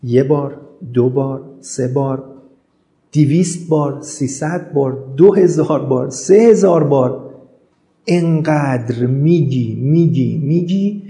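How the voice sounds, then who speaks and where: A man's voice: medium pitch, mellow, reverberant. A man giving a self-help talk, speaking earnestly and repeating phrases in rhythmic lists. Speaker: motivational speaker.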